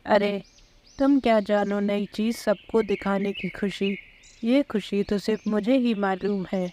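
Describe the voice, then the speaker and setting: A woman voicing an excited, boastful female parrot showing off her new purse. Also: mid-range voice, a little hiss or hum, natural voice.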